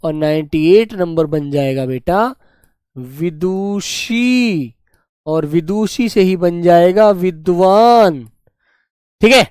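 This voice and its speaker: A male teacher giving a spelling class, dictating words slowly and repeating each one, talking to pupils in a fatherly way. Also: fairly high pitch, darkish tone, clean tone, no echo, studio quality. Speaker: Hindi teacher.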